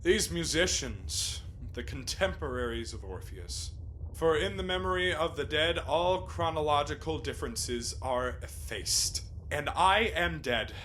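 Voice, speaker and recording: A man's voice: a little high, animated, fairly bright tone. Man playing brooding submarine captain, noisy recording. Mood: melancholy. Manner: formal, deliberate, declamatory. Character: brooding, reclusive male submarine captain, courteous and world-weary. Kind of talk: stage radio play acting.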